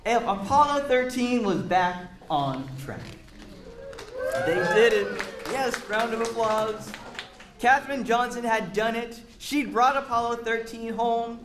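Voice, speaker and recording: Taking it slowly, a man with a very high-pitched voice reads a picture book to children against a noisy background. He encourages them and breaks in with asides explaining words and asking questions, and the spacious room makes the audio echoey.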